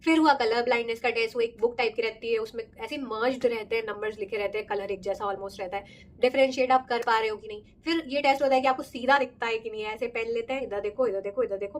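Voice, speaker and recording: A woman's voice: a little high, fast, slight background noise. Chatty young woman with a sore throat. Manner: chatty, expressive, mixes in English phrases. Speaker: vlogger. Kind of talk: casual storytelling vlog.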